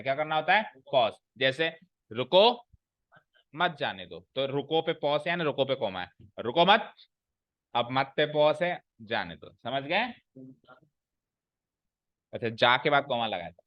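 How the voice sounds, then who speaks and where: A man's voice: a little high, dry recording, dull audio. Man teaching grammar to a class. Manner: explains by repeating and asking the class questions. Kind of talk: classroom lecture.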